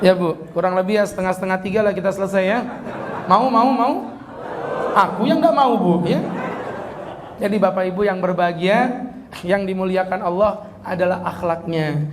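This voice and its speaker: Against a noisy background, a high-pitched male preacher gives a comedic sermon to a police audience. He cracks jokes and mimics regional accents, and he chants Quran verses slowly.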